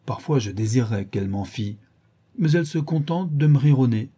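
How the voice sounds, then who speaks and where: A man's voice: mid-range voice, animated, fairly quick, warm tone, breathy edge. A man voicing a witty, cynical young English aristocrat with an airy, amused manner.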